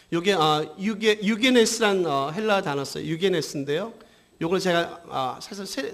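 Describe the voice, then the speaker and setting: A male pastor preaching a sermon who asks the congregation questions and answers them himself, rising to fervent emphasis. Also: sits high.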